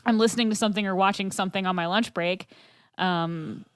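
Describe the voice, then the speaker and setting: A woman's voice: mid-range voice, fairly quick, clean tone, no room sound. A woman co-hosting a podcast, telling a rambling workplace story in casual chat with lots of fillers.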